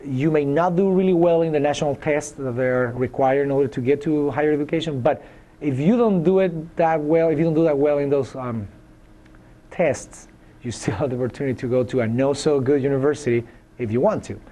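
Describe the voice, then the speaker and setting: A Chilean man in his thirties, a university professor, answers interview questions in English with a Chilean Spanish accent. His voice sits on the high side with a dark tone. He speaks thoughtfully and haltingly, full of fillers and restarts.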